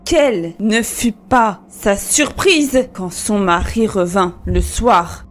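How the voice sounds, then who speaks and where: A woman storyteller narrating a fairy tale in a slow, expressive way. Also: mid-range voice.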